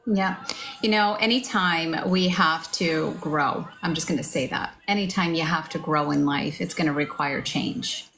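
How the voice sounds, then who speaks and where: Chatty, lower-voiced woman co-hosting. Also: measured pace, fairly bright tone, poor audio. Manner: chatty, encouraging, addresses listeners directly. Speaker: co-host of a live online talk show. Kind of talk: casual live chat.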